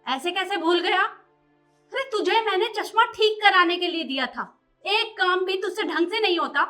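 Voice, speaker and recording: Woman acting as a bossy mom lecturing her son, super high bright voice, bit of music under it. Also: moderate pace. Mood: angry. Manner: scolding, lecturing. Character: stern scolding mother, fiercely protective of her daughter-in-law. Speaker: mother and mother-in-law. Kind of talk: short family drama acting.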